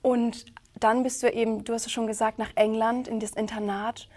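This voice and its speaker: The friendly interview host, a woman, asks her questions attentively and keeps up a stream of "mhm" fillers while listening. She speaks at a normal speed in a fairly high, level, slightly mellow voice.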